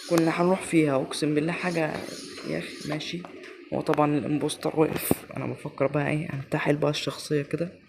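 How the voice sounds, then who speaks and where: Fast gravelly Egyptian man gaming. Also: on the high side, noisy background. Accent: Egyptian Arabic. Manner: excitable, talks to viewers as he plays. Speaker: gaming channel host. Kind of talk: live gameplay commentary.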